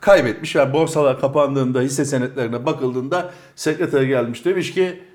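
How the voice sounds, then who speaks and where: A man co-hosting a comedic talk show, telling stories, laughing often and trying to calm his partner. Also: medium pitch, a little fast. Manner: storytelling, laughing, placating. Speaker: co-host. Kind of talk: comedic casual banter.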